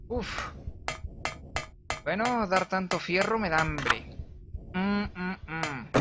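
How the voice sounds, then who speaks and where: A man giving jokey live commentary while playing a horror game, shouting at enemies and reading game text aloud. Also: sits high, very noisy. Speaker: let's player streamer. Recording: game music loud behind voice. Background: game music.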